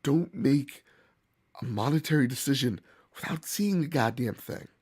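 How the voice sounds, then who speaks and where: A man hosting gaming commentary, speaking bluntly and emphatically in a rough, hoarse voice as if sick. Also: medium pitch, normal speed, darkish tone. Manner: emphatic, opinionated, blunt, swearing. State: hoarse from bronchitis. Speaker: gaming channel host. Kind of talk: opinion commentary to camera or viewers.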